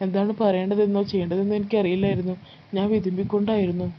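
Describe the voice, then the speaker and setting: A woman narrating a first-person life story in a calm, steady storytelling read. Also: medium pitch, rapid-fire. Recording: slightly muffled with faint background noise.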